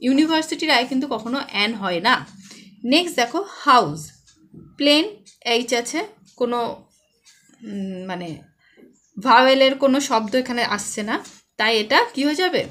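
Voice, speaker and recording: A woman's voice: on the high side, animated, normal speed, long pauses, fairly bright tone. A woman with a West Bengal Bengali accent teaching a children's English lesson, patiently asking questions and then answering them herself. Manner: patient, asks and answers her own questions.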